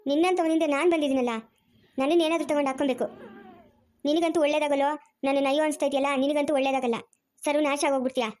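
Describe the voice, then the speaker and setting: A woman's voice: high voice, steady tone, very fast, pauses often, darkish tone, close to an everyday voice. A woman acting a regretful young woman in an amateur family drama, wailing and blaming herself. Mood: bitter. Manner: wailing, self-reproaching. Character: young woman who ran off, full of regret.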